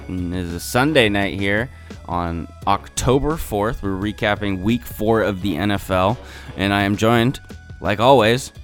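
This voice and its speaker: A man's voice: fairly low pitch, fairly bright tone. A man hosting a sports podcast, recapping games in an informal, slangy way.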